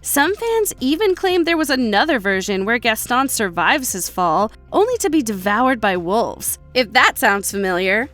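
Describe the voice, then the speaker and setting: A woman's voice: fairly high pitch, fairly bright tone. A woman delivering scripted countdown narration.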